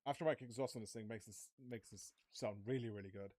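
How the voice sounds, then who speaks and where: A young man streams a racing game in a casual way, talking to his viewers with a lowish, dark voice at a quick pace. He rambles, swears freely, and mentions that his voice is starting to give out. The recording is dry.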